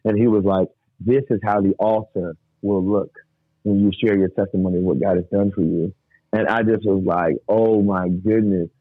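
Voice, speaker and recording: With a deep voice and moderate pace, a man tells his testimony as a guest in relaxed talk. He laughs frequently and animatedly acts out others' words, and the dry, tinny recording sounds like a phone, with no room sound.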